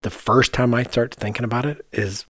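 A man who is an architect co-hosts a podcast, walking through explanations casually and frequently musing aloud. He speaks at a moderate pace with a medium pitch and steady tone, in studio-quality sound without echo.

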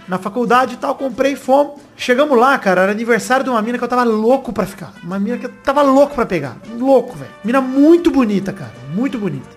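A man on a podcast panel telling a story in casual chat, animated and slangy, swearing and laughing as he goes. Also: very high voice.

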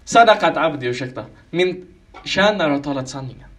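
A man with a high-pitched voice delivers a sermon. He keeps firing rhetorical questions at the congregation and calls them his brothers and sisters. He clears his throat now and then between points. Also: lively intonation, a bit bright. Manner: asks listeners many rhetorical questions; addresses listeners as brothers and sisters. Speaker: preacher.

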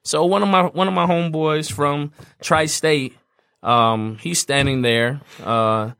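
A man's voice: on the high side, a little slow, creaky, clean tone. Man hosting a casual interview. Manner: storytelling, animated when telling anecdotes. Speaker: podcast host.

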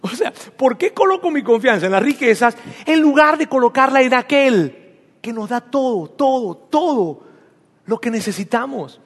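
A man's voice: very high-pitched, expressive, moderate pace, husky, in a large hall. A man preaching a sermon as pastor, emphatic and repetitive, leading his congregation in spoken declarations. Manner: emphatic, repeats phrases, leads congregation in declarations. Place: church hall.

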